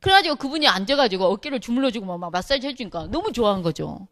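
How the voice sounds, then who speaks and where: A middle-aged woman, a pastor's wife, telling a humorous church testimony with lively storytelling, acting out what others said. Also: on the high side, fast talker. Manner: lively storytelling, acts out quotes, laughs often.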